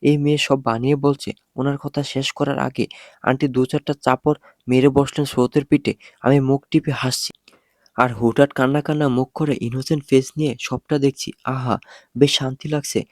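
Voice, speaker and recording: A man narrating a first-person romance story with an expressive, dramatic reading. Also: mid-range voice, moderate pace, dry recording, clean studio sound.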